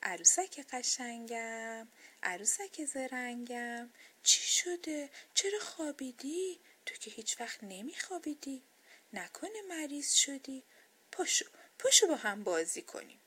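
A woman's voice: sits high, big pitch swings, sharp tone, husky, heavily acted. A woman doing a coaxing little girl. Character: little girl, sweet then sulky.

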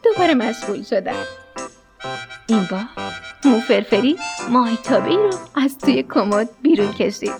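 A woman narrating a children's bedtime story on the radio, affectionate and animated as she addresses the kids. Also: a little high, music in the background.

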